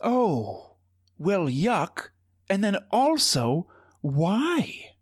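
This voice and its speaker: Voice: mid-range voice, sing-song, very slow, slightly rough, no echo, studio quality, heavily acted. A performer playing a curious, oddly formal shopkeeper who reacts with prim exclamations. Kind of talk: comedic improv character.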